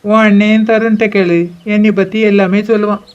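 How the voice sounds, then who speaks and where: A man voicing a calm, reassuring older brother in a cartoon. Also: high voice, fairly quick, clear, resonant tone, muffled recording, natural voice. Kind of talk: cartoon voice acting.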